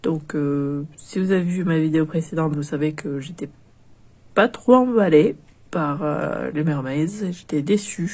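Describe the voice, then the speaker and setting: A young woman with a cold, nasal and stuffed up, hesitantly chats through a casual doll unboxing, restarting often and using lots of fillers. Her low voice is husky and a little mellow, with a measured pace.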